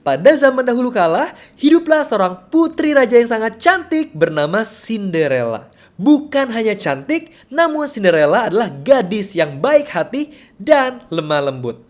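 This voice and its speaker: A cheerful storyteller, as a man puts him on, reading a children's fairy tale in a bright, sing-song way. The voice jumps well above his usual pitch and swings up and down. It comes out quicker and louder than his normal talk. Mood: animated. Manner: sing-song, lively, high and loud.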